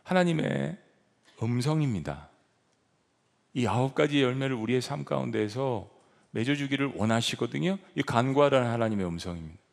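Male pastor, sermon delivery, earnest and urging, gravelly tone, long church reverb. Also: mid-range voice, lively intonation, a little fast. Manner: earnest, exhorting the congregation.

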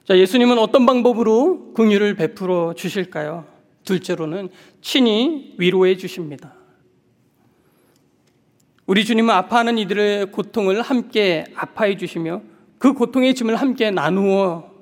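A man preaching a sermon as pastor, earnest and measured with soft pauses. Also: high-pitched. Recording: long reverb of a large hall.

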